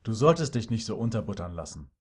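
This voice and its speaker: A man voicing a confident, relaxed teenage boy in an amateur audio drama, speaking in a calm, laid-back way. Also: on the low side, fast talker, slightly rough.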